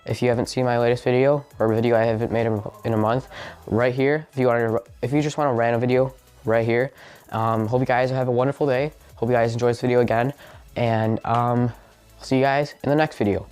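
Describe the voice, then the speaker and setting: A young man talking casually to his viewers in a halting, informal way, recorded on a phone. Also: mid-range voice, steady tone, darkish tone, clean tone, faint music behind. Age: young adult. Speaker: vlogger. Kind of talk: casual vlog talk.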